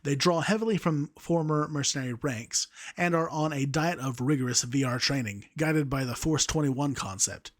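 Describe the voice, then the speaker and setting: A man's voice: a little high, moderate pace, few pauses. A young man reading a story aloud, amused by the text he narrates. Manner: amused, breaks off to laugh at the text.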